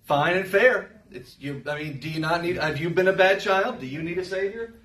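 A man with a notably high voice teaches a Bible study, pressing his points and firing questions at the room. He is recorded from a distance, his words ringing around a roomy church hall. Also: normal speed, fairly bright tone, slight background noise. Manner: emphatic, questions the listeners directly. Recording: roomy hall, mic set far off.

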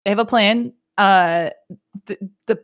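A woman's voice: mid-range voice, a little slow, smooth. Rambling, giggly woman recapping. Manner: rambling, laughing, many fillers and restarts. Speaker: podcast co-host recapping. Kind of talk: casual chat.

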